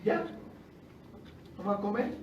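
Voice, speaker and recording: High-voiced preacher in an echoey room. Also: male voice, measured pace, lo-fi sound, slight background noise. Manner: lively, conversational preaching with joking asides; rises loudly when reading scripture. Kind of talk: sermon. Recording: roomy and distant with faint ambience.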